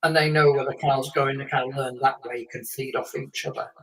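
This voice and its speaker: Brisk and flat, with a medium-pitched, fairly bright voice, a fifties-aged Englishman who used to race cars tells drawn-out stories on a live chat, dotted with fillers and little laughs. He's recorded from a distance in low quality.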